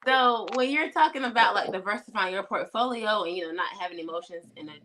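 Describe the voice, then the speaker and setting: A woman's voice: mid-range voice, fast talker, bright, forceful tone. A woman hosting a casual chat, asking long rambling questions full of fillers. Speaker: host.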